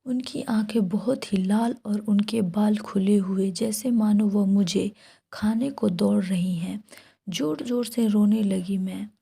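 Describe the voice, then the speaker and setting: A woman's voice: medium pitch, measured pace, vocal fry, warm tone, husky. A woman whispering a first-person horror story throughout.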